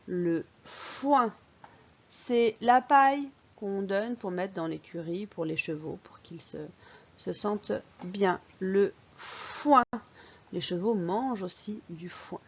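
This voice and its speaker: A woman teacher giving an early-reading phonics lesson, speaking slowly and clearly in a sing-song way and stressing the key words. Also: mid-range voice, muffled recording.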